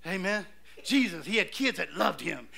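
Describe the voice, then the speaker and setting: A pastor delivers an exclamatory, story-driven sermon in a church sanctuary. His voice sits high for a man and rings bright and forceful. He keeps calling out "amen" to the congregation. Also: sing-song, moderate pace, creaky. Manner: storytelling, exclamatory, calls for amens.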